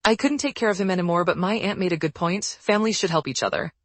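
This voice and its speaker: A woman narrating forum posts aloud in a brisk, even storytelling read. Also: lowish voice, dry recording.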